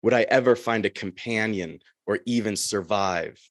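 A man voicing a lonely, brooding male minotaur in a slow, measured poetry reading. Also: lowish voice, fairly bright tone, no room sound, natural voice.

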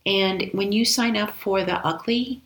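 A woman guest in an interview, telling a personal story in an earnest, measured way that often sinks to a near-whisper. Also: mid-range voice, fairly bright tone, low-quality recording. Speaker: interview guest, former agency director.

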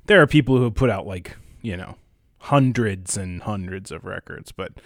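A man's voice: lowish voice, lively intonation, normal speed, no echo, clean studio sound. A man chatting casually about records in a gushing frat-bro way, peppering his talk with "dude" and "like".

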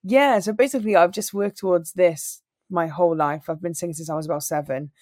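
A woman's voice: fairly low pitch, fairly quick, darkish tone, no echo, studio quality. A young woman from Wales, a singer and radio presenter, answering interview questions in an earnest, storytelling way. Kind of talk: interview conversation.

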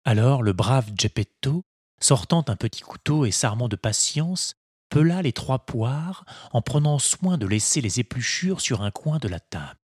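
A man reading a children's storybook aloud as narrator, slow and expressive. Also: mid-range voice, slightly rough, no room sound, studio quality. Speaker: audiobook narrator.

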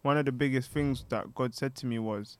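A man's voice: medium pitch, brisk, no echo. A young man with a London accent, chatting casually as a podcast co-host. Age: young adult. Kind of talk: casual chat.

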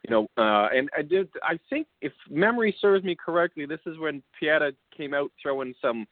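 A male host runs casual fight picks, laid-back and chuckling, with plenty of fillers. His voice is on the high side, a little fast and lively in intonation. The audio is dry and tinny like a phone line, with no echo.

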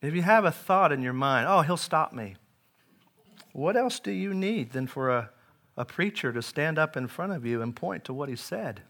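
A man in his forties preaching a sermon, earnest, rising loud on key lines and dropping quiet after. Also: fairly high pitch, lively intonation, normal speed, gravelly. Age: 40s.

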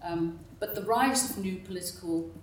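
On a roundtable panel in a conference room, a woman with a lowish voice speaks at a moderate pace, thoughtfully and with many "you know" fillers. The recording has a roomy echo, a distant mic, and slight background noise.

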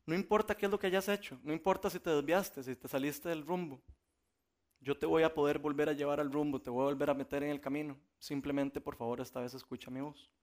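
A gentle, forgiving divine voice speaks low and hushed, patient and reassuring, as a male preacher puts it on during his sermon. The voice sits a touch high for a man, yet it stays soft and calm. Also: close to an everyday voice.

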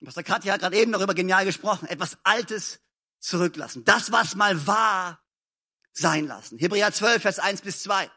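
A man with a high voice and a bright tone preaches an evening sermon to a church congregation. He talks emphatically, repeating short phrases, and he swings from loud calls to quiet, intimate passages. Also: lively intonation, fast. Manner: admits to stumbling over sentences and grammar. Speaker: pastor. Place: church service.

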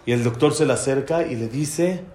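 A man's voice: moderate pace, a little mellow, slight background noise. Man telling a sermon story. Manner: emphatic, heartfelt storytelling with swings in pitch. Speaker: religious teacher. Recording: roomy hall with faint background ambience.

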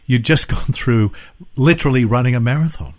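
A man hosting a radio interview, asking calm, courteous questions. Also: mid-range voice, fairly quick. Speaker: radio host.

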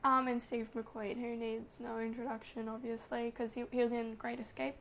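Chatty woman with a creaky voice. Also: a little high, little pitch movement, normal speed, a bit bright, slight background noise. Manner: chatty, gushing, gossipy storyteller. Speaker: podcast co-host. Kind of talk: casual chat.

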